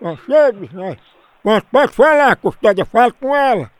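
A male radio host plays a prank call, teasing and goading the person on the line. His voice is very high and swoops around lively. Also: moderate pace.

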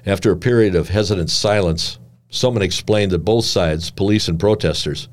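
An older man reading his own memoir aloud with measured, dry and wry storytelling. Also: low-pitched.

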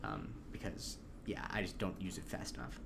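A man's voice: deep voice, moderate pace, vocal fry, noisy background. A man co-hosting a podcast, recapping an episode in rambling casual chat. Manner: rambling, many fillers and restarts. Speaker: podcast co-host.

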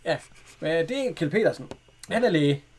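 A man's voice: on the high side, lively intonation, darkish tone, slight background noise. A man in casual chat, hesitantly retelling old film scenes with many fillers and chuckles.

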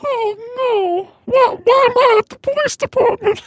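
Casting: a shameless, scheming mama, formant-shifted, chipmunk-high. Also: unhurried. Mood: unbothered. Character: shameless, gross, scheming old mother. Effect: formant shifted, pitched-up chipmunk voice. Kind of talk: improvised comedy sketch.

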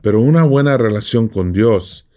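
A man's voice: mid-range voice, lively intonation, warm tone. A man preaching a Bible study sermon, reading scripture and explaining it, often checking in with short rhetorical questions. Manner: slow, deliberate, with frequent rhetorical tag questions.

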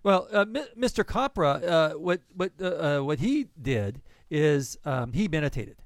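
A man co-hosting a podcast in casual chat, lively and quick to laugh. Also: on the high side, no echo, clean studio sound. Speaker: podcast co-host.

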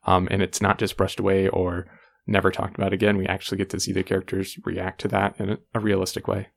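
Male podcast co-host, low gravelly voice, relaxed episode-recap chat. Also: fast talker. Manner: relaxed, recaps plot with fillers.

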